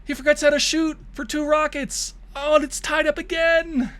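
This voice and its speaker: A man's voice: extremely high pitch, flat delivery, normal speed, a bit bright. A man streaming and giving hyped mock esports play-by-play of bot matches, laughing and joking crudely, his voice wearing thin. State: losing his voice.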